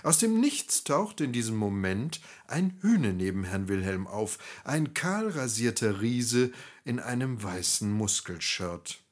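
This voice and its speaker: A man narrating a scripted story in a wry, animated way. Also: fairly low pitch, a little slow.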